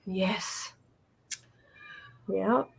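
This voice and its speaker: A woman's voice: medium pitch, extremely slow, gravelly, breathy edge. A woman co-hosting a craft livestream, talking in an informal, agreeable, chatty way. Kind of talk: casual live chat.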